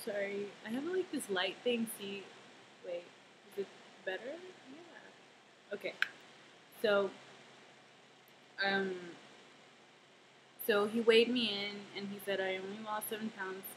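A woman with a medium-pitched voice speaks slowly and pauses often, chatting casually to her camera at home in a rambling video diary. The vlogger uses lots of fillers and self-deprecating asides, and the home camera recording is noisy.

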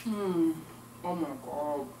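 A young woman mukbang vlogger chats expressively while eating on camera in her home recording room, her casual talk mixed with murmured eating sounds. Her voice sits low and dark, and she takes her time, with a faint hiss or hum in the background. A distant camera mic picks her up, so she sounds far off in an echoey room.

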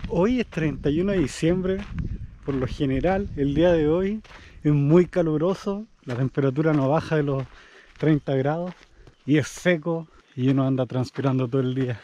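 A man's voice: a little high, normal speed, dull audio, slight background noise. A young man, chatting casually to a handheld camera on a rural trail while camping. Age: young adult. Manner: relaxed, chatty, explaining to camera. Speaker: vlogger. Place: outdoors on a rural hiking trail. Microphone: handheld camera at arm's length.

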